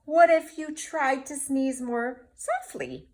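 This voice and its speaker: A woman voicing a cheerful, energetic female pig who exclaims her lines. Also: sits high, takes it slowly. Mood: eager.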